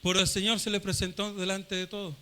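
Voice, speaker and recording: A man's voice: high voice, flat delivery, fast, slight background noise. A man from Chile preaching a fervent Pentecostal sermon, repeating his phrases for emphasis. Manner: fervent, repeats phrases, acts out shouting crowd voices.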